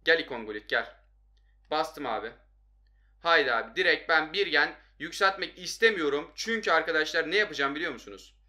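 A young man giving casual, excitable commentary on his own mobile football game, often breaking into frustrated outbursts. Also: fairly high pitch, fairly quick. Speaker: gaming YouTuber.

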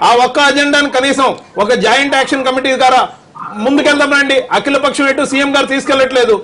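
A man's voice: very high-pitched, level tone, sharp tone. A man arguing insistently as a party spokesman in a televised political debate, appealing to every party to join together. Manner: insistent, rapid appeals to all parties.

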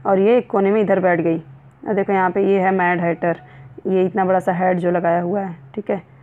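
A woman teacher, reading English lines slowly and then explaining them in Hindi. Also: on the low side, flat delivery, phone-quality sound.

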